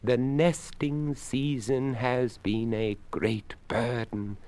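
A man voicing a polite, courtly old skeleton who speaks formally and gently. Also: mid-range voice, fairly even intonation, slow, pitched above the performer's own voice, lightly acted. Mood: courteous.

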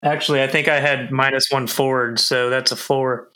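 A man's voice: mid-range voice, flat delivery, normal speed, pushed and bright. A man chatting casually as a player in a tabletop game.

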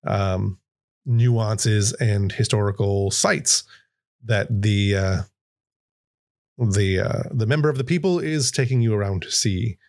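A man running a tabletop game, narrating in halting bursts full of fillers and restarts. His voice sits fairly low and sounds dry and close to the mic. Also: darkish tone, no room sound. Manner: hesitant, many fillers and restarts. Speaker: game master. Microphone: streaming mic.

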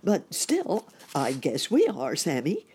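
A woman's voice: deep voice, wildly swooping pitch, takes it slowly, darkish tone, slight background noise, exaggerated voice. A woman voicing a jolly, kindly old rabbit uncle in a children's storybook, genial and old-fashioned in phrasing. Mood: relieved, hopeful.

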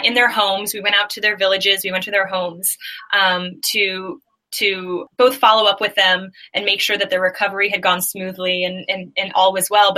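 Bright-voiced woman telling stories. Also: medium pitch, poor audio. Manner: earnest storytelling with frequent restarts. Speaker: director of a surgical aid organization. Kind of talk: conversational interview answers.

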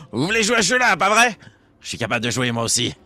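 A man's voice: fairly high pitch, sing-song, quick pace, bright, forceful tone, no echo, voice pushed up, full character voice. A man voicing a menacing hidden stranger who taunts with mocking laughter, in a tabletop game. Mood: taunting threat.

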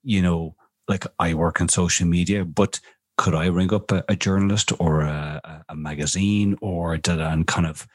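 A man co-hosting a conversational interview, speaking haltingly and building long sentences piece by piece. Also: low-pitched, steady tone, dry recording, clean studio sound. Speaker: podcast host, social media professional.

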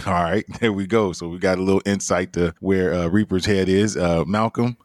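A man's voice: low-pitched, normal speed, no echo, clean studio sound. A man hosting a casual podcast discussion, calling on each panelist in turn and laughing easily. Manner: laughs easily, steady moderating. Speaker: podcast host.

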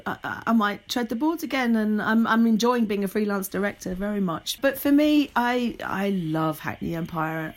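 Speaking at a medium pitch, this theatre writer and director is a middle-aged British woman appearing as an interview guest, talking in a casual, animated way.

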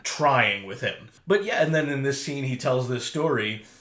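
A man co-hosts a podcast and offers measured, thoughtful remarks in relaxed conversation. His voice sits at a middle pitch. The recording carries a roomy echo. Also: a loud crowd. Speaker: podcast co-host. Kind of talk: casual podcast chat.

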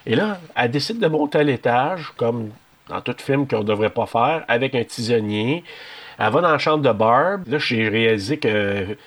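A man's voice: medium pitch, expressive, moderate pace. A man, casually recapping a horror film scene by scene on a podcast with rambling fillers. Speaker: podcast co-host. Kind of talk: casual chat reviewing a film.

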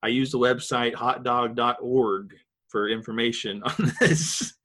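A man's voice: mid-range voice, unhurried, fairly bright tone. Easygoing Southern man hosting a podcast. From American South. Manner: rambling, filler-heavy, easygoing. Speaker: podcast host. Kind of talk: casual podcast chat.

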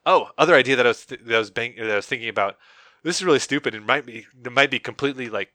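Fast, bright-voiced young man rambling. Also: mid-range voice, no echo. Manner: rambling, self-correcting, jokey. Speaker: podcast co-host. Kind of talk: casual chat.

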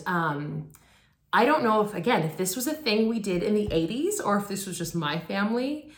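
A woman in her forties preaches from the church stage by telling a story about her own life. She talks candidly and casually, with plenty of "like" and "um". Her mid-pitched voice carries through a roomy, echoing sanctuary. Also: fairly bright tone. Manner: candid and chatty, full of "like" and "um". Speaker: pastor. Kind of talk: personal storytelling sermon.

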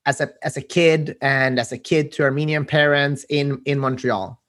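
A man's voice: fairly high pitch, fairly even intonation, moderate pace, fairly bright tone. A man from Sweden hosting a casual interview, friendly and curious, often restarting his sentences. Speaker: podcast host.

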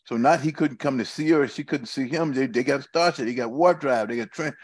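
A man's voice: medium pitch, fairly quick, a little mellow, dry recording. A man co-hosting a casual chat, rambling and repeating himself, with loose grammar.

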